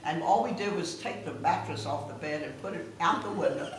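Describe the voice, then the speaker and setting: A woman in her nineties from South Carolina, United States, the guest of honour at a family gathering, casually tells old stories to her family in a Southern American accent. Her voice is lowish and a little fast. The room is echoey, the mic distant, and the noise clearly audible.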